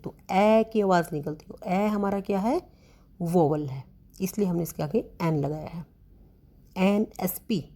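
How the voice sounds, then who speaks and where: Slow, mellow-voiced woman teacher. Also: fairly low pitch. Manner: slow, explanatory, asks questions and answers them; addresses students as beta. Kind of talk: classroom grammar lesson.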